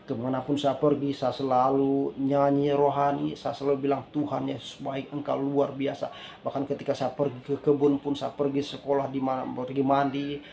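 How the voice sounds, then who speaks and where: A man in his thirties telling a personal faith testimony, often addressing listeners as dear brothers and sisters, growing animated as he tells the frightening part. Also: mid-range voice, normal speed, vocal fry. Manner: repeats "dear brothers and sisters in the Lord", gets animated retelling the scare.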